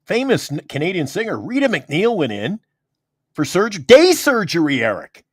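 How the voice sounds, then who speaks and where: A man co-hosting a casual sports talk show, telling animated, joking stories. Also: high-pitched, moderate pace, husky, dry recording, clean studio sound. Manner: animated storyteller, joking, acts out quotes. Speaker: co-host.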